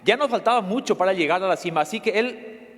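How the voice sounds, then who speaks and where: A man's voice: sits high, expressive, fast talker, fairly bright tone. Preacher guy telling stories dramatic, big echoey church. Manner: dramatic storytelling with quiz asides. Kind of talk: sermon storytelling. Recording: long church reverb.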